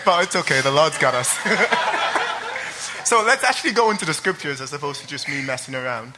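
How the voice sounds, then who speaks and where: A young Irish man gives his testimony at a church service, chatting loosely with lots of fillers and laughs before moving on to read scripture. His voice sits in the mid range, and the recording is very noisy.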